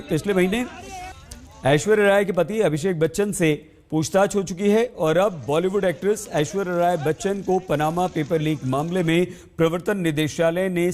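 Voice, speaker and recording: A man's voice: a little high, moderate pace, darkish tone. A man anchoring live breaking news, speaking urgently and going back over the key points while he fills air time.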